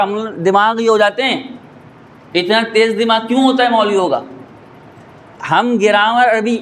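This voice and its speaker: A male cleric giving an impassioned religious sermon, arguing rhetorically and rising to shouts, into a microphone in a mosque prayer hall. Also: high-pitched, a little hiss or hum. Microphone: stand microphone.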